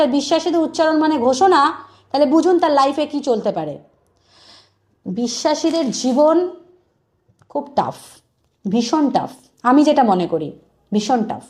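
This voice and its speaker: A woman's voice: high voice, a little mellow. A woman preacher giving an earnest, exhorting sermon, slipping English words into her talk.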